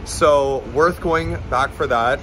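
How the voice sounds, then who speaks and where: A young man reviews a restaurant in a vlog, shot on a phone held at arm's length, first in an upscale restaurant and then out on a city street. His medium-pitched voice is slow, and he chats candidly and jokingly, swearing freely, over background music and crowd chatter.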